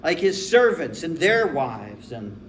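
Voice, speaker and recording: A man's voice: fairly high pitch, big pitch swings, slow, a little hiss or hum. Storytelling male pastor in an echoey church. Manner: conversational, humorous storytelling. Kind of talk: sermon. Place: church sanctuary. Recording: echoey room with faint ambience.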